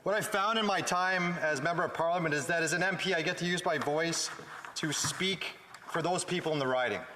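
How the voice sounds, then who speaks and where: A man's voice: fairly high pitch, brisk, background noise. A man with a Canadian English accent giving an earnest parliamentary speech as a member of parliament, stressing points in short phrases. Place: large indoor legislative chamber. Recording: echoey chamber with long reverb.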